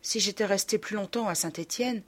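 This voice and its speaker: A woman's voice: mid-range voice, animated, moderate pace, husky, voice pushed up. A woman reading a meek young country girl. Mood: subdued. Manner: subdued, soft-spoken.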